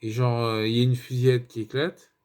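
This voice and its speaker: A man's voice: medium pitch, flat delivery, brisk, a little mellow. A man reviewing a film in a casual, rambling way, hesitant and full of fillers and restarts.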